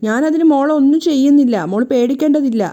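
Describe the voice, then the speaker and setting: A woman's voice: high-pitched, fast, warm tone, highs cut off, lightly acted. A woman voicing a drunk male villain who coaxes and sneers at a frightened child. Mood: coaxing, menacing. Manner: sweet-talking with a sneering edge. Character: drunk leering male villain, menacing and coaxing.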